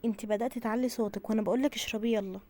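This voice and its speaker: A scheming witch who poses as a mother, played by a woman gives orders in a quick, mellow Egyptian voice. She sounds falsely sweet one moment and harsh the next. Her voice is a little dark and she never slows down. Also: a little high, fairly even intonation, lightly acted. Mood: commanding. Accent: Egyptian Arabic. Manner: commanding, sugary then harsh.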